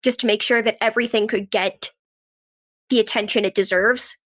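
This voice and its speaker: A woman who is a writer and actress appears as a podcast guest in a casual interview conversation, speaking informally and reflectively and explaining things through anecdotes. Her voice is medium-pitched, steady, and fairly bright, at a normal speed.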